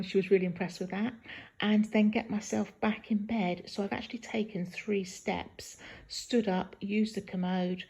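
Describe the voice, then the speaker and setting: A woman talking casually in a halting video diary from a hospital room, sounding weak and tired and in some pain hours after surgery. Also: mid-range voice, darkish tone. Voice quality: husky, creaky. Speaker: patient recording a post-op video diary.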